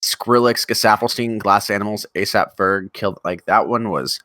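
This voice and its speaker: A man's voice: fairly low pitch, normal speed, pushed and bright, no echo, clean studio sound. A man co-hosting a casual music chat show, talking with rambling enthusiasm and casual swearing. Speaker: podcast co-host.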